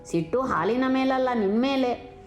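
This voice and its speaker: A stubborn, tender-hearted little girl, as a woman reading a storybook puts her on speaks in a high, pleading voice that edges toward tearful scolding. Her pitch climbs well above the reader's own, and soft music plays faintly underneath. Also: moderate pace, reverberant, lo-fi sound, close to an everyday voice. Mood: hurt, reproachful.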